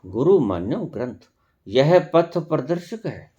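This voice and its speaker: A male spiritual teacher delivers a discourse with a melodic voice that rises and falls widely. He speaks slowly and deliberately, posing one rhetorical question after another. His tone is mellow. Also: a little high, big pitch swings, lo-fi sound.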